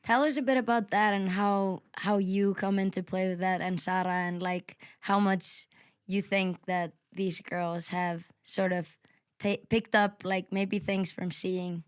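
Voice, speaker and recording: A young woman hosts a podcast with enthusiasm, swearing casually and saying "sick" a lot. Her voice is medium-pitched, steady and clean, and she speaks at a measured pace.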